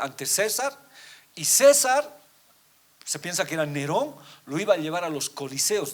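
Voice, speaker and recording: A man delivers a sermon to his church, calling them brothers and firing rhetorical questions. His fairly high voice ranges widely, rising to loud emphatic peaks before sinking to quiet, low endings. Scripture passages come slower and deliberate. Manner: addresses listeners as brothers, asks rhetorical questions; reads scripture aloud, often slowing down. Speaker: pastor.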